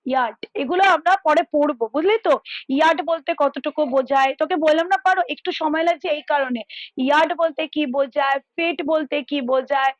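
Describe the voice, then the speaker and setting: A woman's voice: high voice, no echo, poor audio. A woman tutoring math over a call on headphones at home, explaining step by step and checking whether her student understands.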